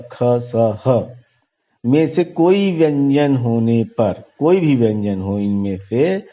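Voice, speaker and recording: A man lectures on grammar at an unhurried, deliberate pace, repeating letters and examples. His voice is dark and mellow. The recording is dull and lo-fi. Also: mid-range voice. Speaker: Sanskrit grammar teacher. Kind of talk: classroom lecture.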